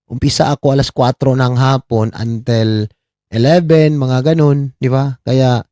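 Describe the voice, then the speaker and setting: A middle-aged man from the Philippines doing casual live-stream commentary, mocking his subjects, asking "di ba?" again and again and giving shout-outs to viewers. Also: mid-range voice, steady tone, unhurried, no echo, studio quality. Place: abroad, talking on a live stream.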